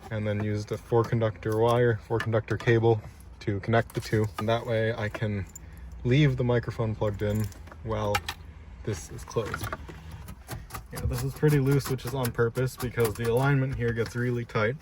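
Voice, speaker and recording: Inside a car, a DIY installer walks through his project in a casual, methodical how-to, explaining each step as he goes. His voice is medium-pitched with little pitch movement and a moderate pace. The background noise of the car's interior comes through clearly.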